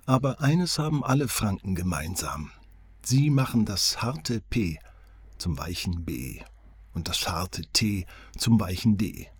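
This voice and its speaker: A man's voice: on the low side, big pitch swings, measured pace, breathy edge. A man, an author reading his own foreword as audiobook narration, with dry, wry humor.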